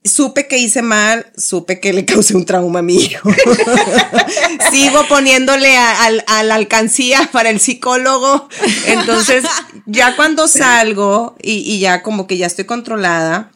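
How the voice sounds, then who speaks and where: A woman with a Mexican accent, a mother co-hosting a podcast, telling a story with animated, acted-out dialogue and casual swearing. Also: a little high, unhurried.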